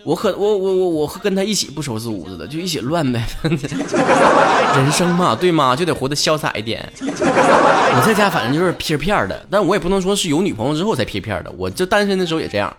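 A man's voice: a little high, big pitch swings, fast talker, very noisy. A man with a Northeastern Chinese accent hosting a comic talk show, teasing listeners and laughing often. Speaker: host reading listener messages.

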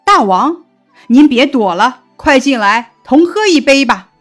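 A woman's voice: medium pitch, normal speed, faint music behind, lightly acted. A woman reading as a hearty ancient general. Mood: friendly.

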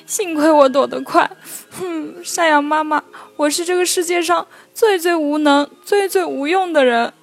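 A woman voicing a tiny young ant who wants to be a hero, in a children's storybook reading, talking high and loud with sobs. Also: moderate pace, vocal fry. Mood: tearful. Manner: high, loud, sobbing and pleading.

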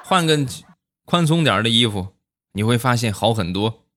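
A man's voice: medium pitch, animated, moderate pace, loud music behind the voice. A man telling comic anecdotes in a chatty way, full of tag questions. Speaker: stand-up storyteller. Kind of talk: comic monologue of short anecdotes.

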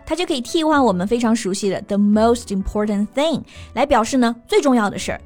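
A woman's voice: fairly high pitch, lively intonation, a little fast. A woman co-hosting an English lesson podcast in a bilingual, scripted teaching chat, explaining each word and spelling it out letter by letter. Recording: soft music behind.

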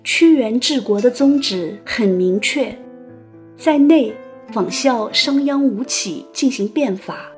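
A woman narrating a written story as an audio host, in a playful, chatty manner with lively asides. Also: a little high, slow pace, faint music behind.

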